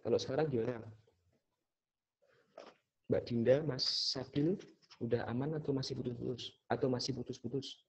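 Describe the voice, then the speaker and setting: A man's voice: medium pitch, fairly even intonation, moderate pace, long pauses. A man tutoring students in an online class, explaining step by step, his voice breaking up over a bad internet connection. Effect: choppy, cutting-out online call audio. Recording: lo-fi online video call audio.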